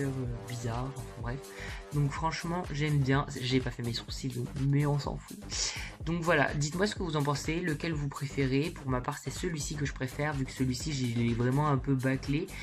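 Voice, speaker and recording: A woman's voice: extremely low pitch, fairly even intonation, normal speed, music in the background. A woman chatting informally and candidly to viewers in a slangy, casual makeup haul vlog, recorded in her bedroom. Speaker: beauty vlogger.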